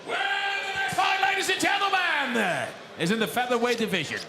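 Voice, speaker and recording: Booming high-pitched male ring announcer. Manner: drawn-out booming calls. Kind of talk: arena fighter introductions. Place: fight arena. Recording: echoey arena with loud crowd. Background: roaring crowd and noise.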